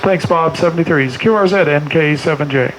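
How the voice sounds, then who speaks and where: In a small home radio room, a middle-aged man works an amateur radio contest, firing off clipped exchanges and spelling things out phonetically. His voice is fairly high and brisk, and the recording has clear background noise.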